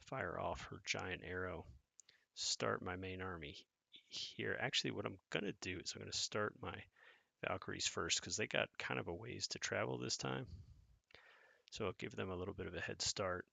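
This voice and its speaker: A man's voice: sits low, moderate pace, vocal fry, pushed and bright, no room sound. A man giving casual live commentary on a strategy game, thinking aloud as he plays and chatting back to his viewers. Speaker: gaming content creator.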